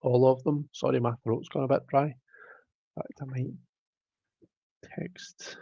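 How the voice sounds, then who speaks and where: A man's voice: medium pitch, a little slow, vocal fry, dark tone, breathy edge, dry recording, dull audio. A man hosting a live tarot stream, chatting casually and self-mockingly with viewers. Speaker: tarot reader and livestream host.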